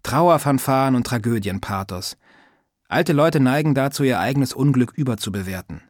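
A young man narrating an audiobook in the first person, low-key, weary and sardonic. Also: lively intonation, normal speed, dry recording, clean studio sound. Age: young adult.

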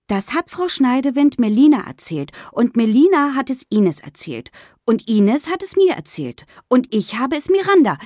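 A woman's voice: high voice, big pitch swings, moderate pace, a little mellow, no echo, studio quality, voice pushed up. A woman voicing an unsure young schoolgirl who rambles and hesitates.

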